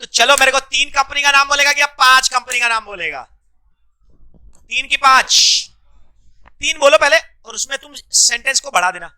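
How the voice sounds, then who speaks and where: Bright, high-voiced male teacher drilling a class. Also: smooth. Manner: drills students with repeated quick questions; mixes English terms into Hindi. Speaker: commerce law teacher. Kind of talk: classroom lecture.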